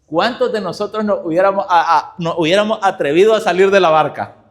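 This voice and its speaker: A man preaching a sermon, telling a story with animated rhetorical questions to his congregation. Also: sits high, a little fast.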